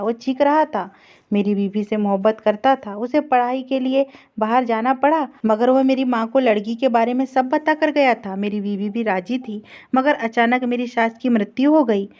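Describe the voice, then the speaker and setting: A woman reading an emotional story aloud in a steady, earnest narration. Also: a little high. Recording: dull lo-fi recording.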